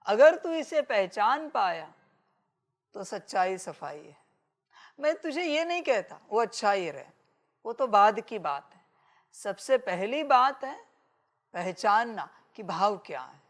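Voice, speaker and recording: A woman's voice: mid-range voice, big pitch swings, slow. A woman giving a spiritual discourse as a teacher, admonishing her listeners and calling them children.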